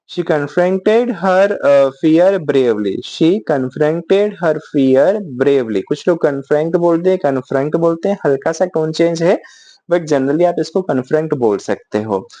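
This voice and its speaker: Dry-voiced Hindi teacher explaining vocabulary. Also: male voice, a little high, animated, warm tone, no echo. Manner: explains slowly, often asks "ठीक है?", fillers; reads English example sentences very slowly. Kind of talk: spoken Hindi lesson mixing English.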